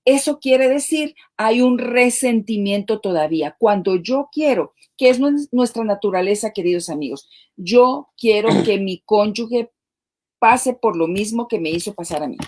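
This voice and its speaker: A woman's voice: medium pitch, lively intonation, moderate pace, a little mellow. A woman co-hosting a live-streamed marriage talk, speaking conversationally and often checking in with rhetorical asides. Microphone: live stream microphone.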